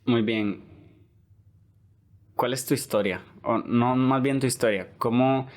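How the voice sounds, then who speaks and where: A man's voice: mid-range voice, slow pace. A young Costa Rican man hosting a casual podcast interview, chatty and peppering his talk with "¿verdad?". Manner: chatty, repeats "¿verdad?" often. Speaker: podcast host.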